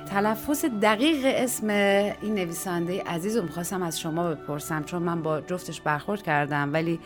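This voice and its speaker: Expressive low-voiced woman narrator. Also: music in the background. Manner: expressive, shifting tone for each character. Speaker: radio program host and story narrator. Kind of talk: dramatic story reading with acted dialogue.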